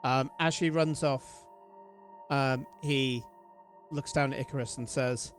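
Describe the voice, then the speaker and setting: A man with a British accent, casually describing his character's actions in a tabletop game, halting and swearing. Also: medium pitch, steady tone, soft background music. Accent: British English. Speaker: player.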